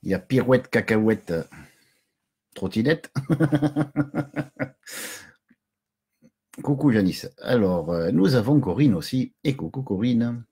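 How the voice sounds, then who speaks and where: A man's voice: medium pitch, lively intonation, slow, pauses often, warm tone, breathy edge. A middle-aged man hosting a casual live stream from home, chatty and jokey, greeting viewers and chuckling often.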